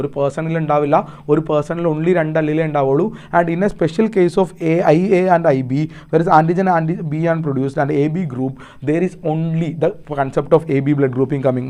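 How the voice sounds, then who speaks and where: Emphatic coaching teacher, mellow voice. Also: male voice, on the high side. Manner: mixes Malayalam and English, repeats checks like "are you understanding"; emphatic, drills key points with repetition. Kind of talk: live online lesson.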